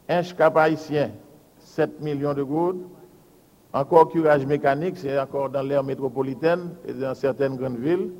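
A man, a public works official giving a formal budget presentation and reading out lists of figures in a measured, deliberate way. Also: a little high, a little mellow. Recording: hall with long reverb.

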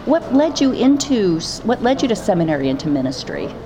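A woman conducting an oral history interview, warmly affirming answers and asking questions. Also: mid-range voice, big pitch swings, a little fast. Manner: encouraging, affirming. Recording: noisy background hiss.

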